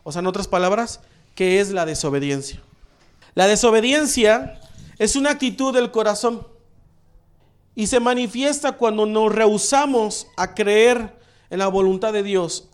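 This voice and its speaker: A high-pitched male pastor delivers a sermon. He is emphatic, repeats key phrases and puts questions to the congregation. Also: clean tone.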